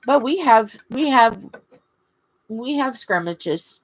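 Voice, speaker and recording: A woman chatting casually and haltingly on a livestream, her words slightly impeded by a swollen lip. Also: a little high, lively intonation, rough recording. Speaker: craft livestream host. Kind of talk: casual rambling livestream chat.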